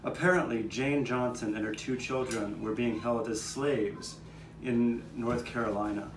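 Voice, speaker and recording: As narrator of a live puppet show in an outdoor courtyard, a man tells a first-person historical story in the role of a neighborhood eyewitness. His medium-pitched voice is unhurried with fairly even intonation. The recording is roomy, distant and noisy.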